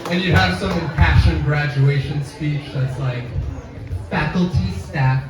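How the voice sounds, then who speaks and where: Young male student comic, deadpan delivery, slightly high voice, echoey room, mic distant, crowd laughing. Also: normal speed. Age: young adult. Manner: deadpan, self-deprecating delivery. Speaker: student stand-up comedian. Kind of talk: stand-up comedy set. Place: campus coffee house stage. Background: audience laughter.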